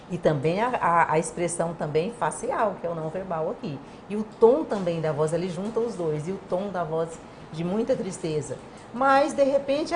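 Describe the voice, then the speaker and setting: A woman guest on an interview program, explaining communication in a lively way and acting out little dialogues. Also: mid-range voice, a little hiss or hum. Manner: animated, acts out quoted dialogue.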